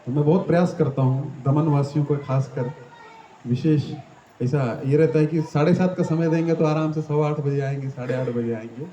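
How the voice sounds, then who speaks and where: A man with a fairly high but mellow voice gives a devotional talk in a small temple. He explains patiently and keeps checking with his listeners. The echoey hall and slightly dull recording carry a faint room hum behind him. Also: steady tone, moderate pace. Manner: explanatory, asks the audience questions, frequent "है ना" tags. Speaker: devotional teacher. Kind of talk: devotional discourse to a gathering.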